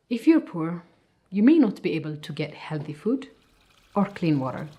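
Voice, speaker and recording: A woman from Africa presenting a training module in calm, scripted narration. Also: fairly low pitch.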